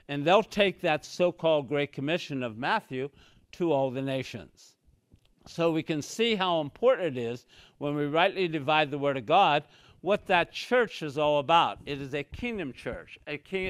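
A little high and free of echo, this older man's voice carries an expository Bible lesson in a small church room. As a Bible teacher at a podium mic he frequently steps away from, he gestures with both hands and emphatically repeats key phrases like "so very clearly."

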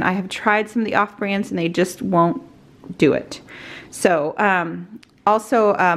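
A middle-pitched woman in her forties talks through a grocery haul in a relaxed, chatty way, pausing on fillers as she lists items and prices. She speaks into a handheld camera held at arm's length in a home kitchen. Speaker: family vlogger.

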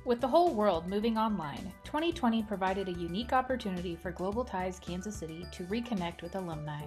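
A woman reading a smooth, scripted voice-over narration. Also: mid-range voice, expressive, fast, a little mellow, soft background music.

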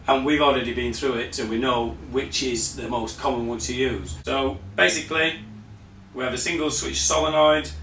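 A man's voice: medium pitch, bright, forceful tone, slight background noise. Man explaining, roomy distant sound. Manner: hesitant, many fillers and restarts, explaining patiently. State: slightly losing his voice. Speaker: presenter of a parts store video. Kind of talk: unscripted technical demonstration. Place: shop or workshop room.

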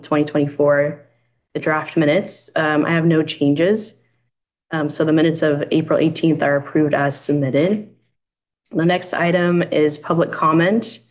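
Female, 30s, American, deep-pitched. Meeting chair reading formal procedural notes. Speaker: zoning administrator chairing a meeting. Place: indoor meeting room at a table.

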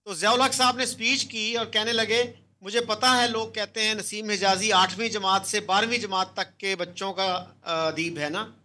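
A man's voice: high-pitched, steady tone, normal speed, hardly any pauses, bright, forceful tone. An older man, joining a panel over a video call on a headset, telling anecdotes and slipping English phrases into his talk. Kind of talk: anecdotal chat mixing in English.

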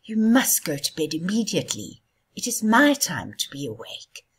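Lady reading as a strict moon lady, low breathy voice, bossy bedtime scolding. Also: big pitch swings, normal speed, exaggerated voice. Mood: stern. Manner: firm, scolding. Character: stern female moon, bossy and impatient.

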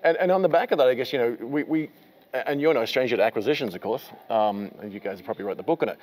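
In a conference room with a curtain backdrop, a man in his forties hosts an interview, posing long, rambling questions in an enthusiastic, chatty manner. His mid-range voice is fast and darkish in tone, recorded on a lapel mic with poor audio.

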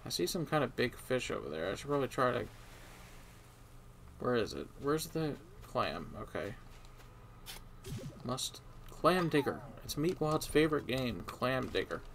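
A man streams a video game and mutters dry, sarcastic complaints at it, mostly to himself. His voice is gravelly and swings widely in pitch. Faint keyboard typing sits behind him. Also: big pitch swings, unhurried, pauses often, a bit bright, a little hiss or hum. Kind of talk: casual gameplay commentary.

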